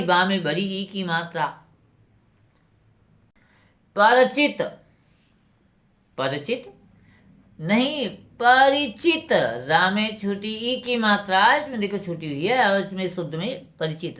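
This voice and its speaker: A woman's voice: fairly low pitch, a bit bright. A woman teacher going through a spelling lesson, reading each word aloud and then correcting it with a question. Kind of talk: spelling lesson for exam students.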